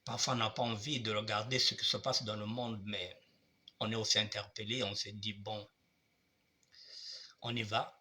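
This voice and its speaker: Fighting a cold, an older online show host speaks to his audience in formal, repetitive monologue commentary. His low-side voice sounds pushed and bright, staying level at a moderate pace broken by long pauses.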